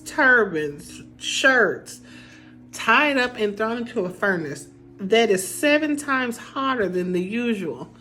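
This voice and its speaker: A young woman casually retelling a Bible story in chatty, colloquial speech while doing her makeup. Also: mid-range voice. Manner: chatty, colloquial, animated emphasis.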